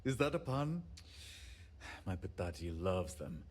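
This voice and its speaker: A man's voice: low-pitched, big pitch swings, heavily acted. An actor playing a fretful, apologetic male handyman who rambles and talks himself down, in video game dialogue. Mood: amused. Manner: rambling, self-deprecating, quick to apologize.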